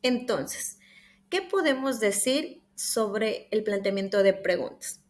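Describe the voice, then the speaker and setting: A woman's voice: mid-range voice, expressive, slow. Woman reading questions off slides. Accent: Ecuadorian Spanish. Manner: explains step by step, reads examples aloud. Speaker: student presenter. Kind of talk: slide-based class presentation.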